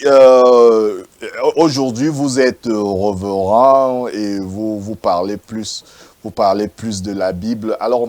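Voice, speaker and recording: A man's voice: lowish voice, darkish tone. A man hosting an interview, stammering and repeating words with many fillers as he asks questions. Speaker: interviewer, host.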